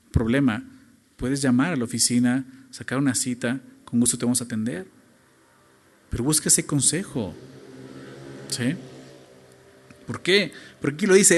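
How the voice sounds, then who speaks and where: A man preaching a sermon as pastor, stressing points with rhetorical questions and moving between loud emphasis and quiet low phrases.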